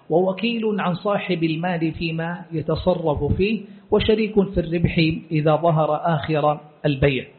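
A man teaching as a scholar, explaining a religious text in a measured, explanatory way. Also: a little high. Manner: measured, explanatory, quotes sources then comments. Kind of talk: classroom lecture explaining a hadith text. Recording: tinny phone-like lecture recording.

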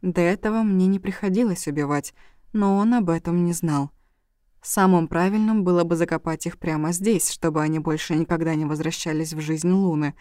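A woman narrating a novel in the first person, in a tense, measured way. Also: fairly low pitch, fairly even intonation, warm tone, no room sound, clean studio sound. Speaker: audiobook narrator.

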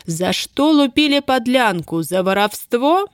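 A woman doing a shrill, cruel lady estate manager. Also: sing-song, measured pace, no echo, clean studio sound. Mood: imperious, scornful. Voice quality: thin, cutting, shrill. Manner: contemptuous, barking orders. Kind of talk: audiobook character voice.

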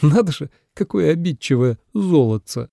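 A man voicing a sharp-tongued young songbird maiden who mocks and snaps back. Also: a little high, expressive, normal speed, vocal fry, dry recording, clean studio sound, pitched above the performer's own voice. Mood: sarcastic, snippy. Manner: snappish and mocking.

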